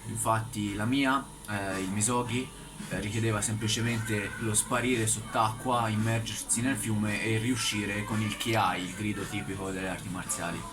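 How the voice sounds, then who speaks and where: A man talks as a vlog presenter, explaining things in a measured way with some hesitation. His voice sits a bit low, and music plays clearly behind him. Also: fairly even intonation. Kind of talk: explanatory chat to camera.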